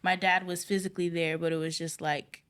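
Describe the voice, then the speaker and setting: A young woman with a slightly low voice tells a personal story in a candid conversation. She speaks softly and reflectively, with feeling close to the surface. Her delivery is gentle and unhurried. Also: flat delivery. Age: young adult. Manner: reflective, soft-spoken, emotional. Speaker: college student guest.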